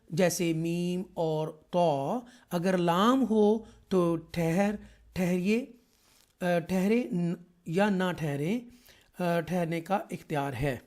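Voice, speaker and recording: A man from Pakistan teaching an online Quran lesson, explaining slowly and carefully with many drawn-out fillers. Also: high-pitched, a little mellow.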